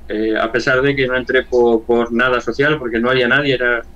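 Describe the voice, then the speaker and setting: A man in his sixties from Valencia with a Spanish accent from Spain, giving an earnest personal testimony as an interview guest, often halting and repeating words. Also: mid-range voice, flat delivery, a bit bright, lo-fi sound. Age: 60s. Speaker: interview guest, church member.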